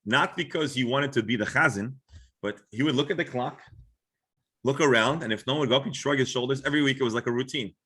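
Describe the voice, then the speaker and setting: Talking fast in a mid-range, slightly bright and somewhat rough voice, this Florida rabbi leads an informal religious lecture with discussion. His American-accented explanations keep getting restarted and hedged.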